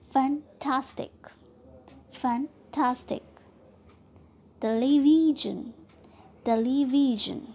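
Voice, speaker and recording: Woman teacher, higher voice, mellow and unhurried, repeats each example word, faint hiss behind. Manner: slow, deliberate, says each example word twice. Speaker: English pronunciation teacher. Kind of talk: explanatory lesson, repeating example words.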